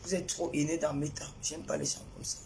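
A woman's voice: deep voice, level tone, fairly quick, creaky, background noise. Woman on a phone live, indignant, asks questions over and over, greets viewers by name. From Cameroon. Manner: indignant, repetitive rhetorical questions. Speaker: social media personality. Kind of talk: live-stream monologue to followers.

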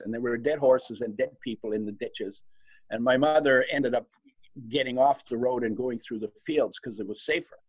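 A man in his seventies, raised in Poland and speaking German at home, tells his life story as a guest over a video call from a home study lined with bookshelves. He is reflective and laughs between sentences. His medium-pitched voice is a little mellow and husky, with no room sound and a lo-fi quality.

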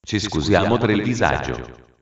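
A man giving automated train announcements as a railway station announcer, in a formal, measured way with segmented phrasing. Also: on the low side, very animated, a little hiss or hum. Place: large railway station, heard over loudspeakers. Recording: muffled, very echoey station PA, distant.

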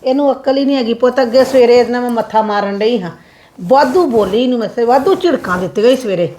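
A woman playing a fretful, fast-talking mother. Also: on the high side, animated, warm tone, slight background noise, natural voice. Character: worried middle-aged mother, soothing yet scolding. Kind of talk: family short-film acting.

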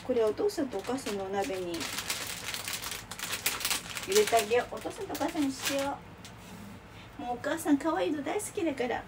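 Kitchen noise comes through clearly on a distant mic as a middle-aged vlogger cooks lunch boxes at home, chatting casually, rambling, exclaiming and laughing. She has a high voice, speaks fairly quickly, and pauses often.

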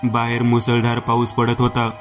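A man's voice: medium pitch, completely flat delivery, moderate pace, over loud music. A man with a Marathi accent narrating a horror story in a scripted storytelling style, voicing all the characters himself.

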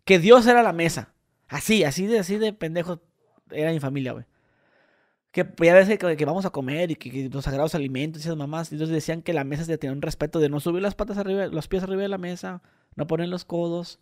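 A man with a Mexican accent, telling animated childhood stories with crude slang in a casual podcast chat. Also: fairly high pitch, fast talker, no room sound, studio quality. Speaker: podcast co-host.

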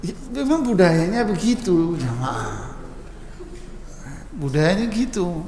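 A man preaching at a mosque study session, answering questions in a relaxed, joking way and mimicking regional speech for laughs. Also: a little high, slow, slight background noise. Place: mosque hall. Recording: echoey mosque hall with long reverb, faint ambience.

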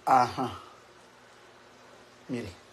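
A man's voice: mid-range voice, very slow, a little hiss or hum. A man with a Mexican accent vlogging casually at home, campy and theatrical, cooing at his pets and swearing freely. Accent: Mexican Spanish. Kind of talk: casual home vlog chat. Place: home with pets and fish tanks.

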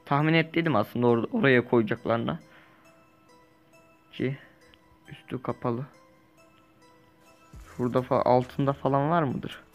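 A young man talks his way through a survival game, loose and rambling, catching his own slips as he goes. His voice sits at an ordinary middle pitch, with faint game music playing softly underneath. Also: a little slow, long pauses, muffled recording. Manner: chatty, rambling, self-correcting, lively bursts. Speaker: gaming YouTuber. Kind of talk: casual let's-play commentary.

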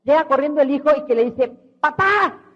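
A middle-aged woman with a Mexican accent giving an animated motivational storytelling talk, acting out voices. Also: sits high, very fast. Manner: animated, acts out quoted voices. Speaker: motivational speaker. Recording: dull lo-fi recording.

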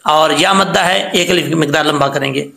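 A man teaching Quran reading, patiently spelling out syllables and slowly chanting the words. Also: on the high side, creaky, sharp tone, reverberant.

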